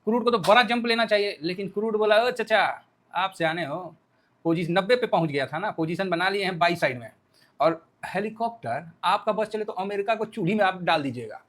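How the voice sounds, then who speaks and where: A man with a fairly high voice runs through the day's market news in a loose, chatty way. He jokes, asks himself questions and plays out the headlines as he goes. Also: quick pace. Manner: joking, colloquial, full of rhetorical questions; lively, playfully acts out the news. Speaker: stock market analyst. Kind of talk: casual market commentary.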